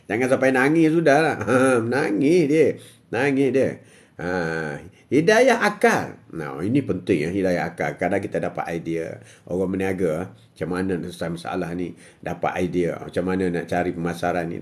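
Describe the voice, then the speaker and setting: An older man with a Malaysian Malay accent, hosting a live-streamed religious talk and answering viewer comments, repetitive and emphatic with frequent "ha" interjections. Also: deep voice. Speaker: host.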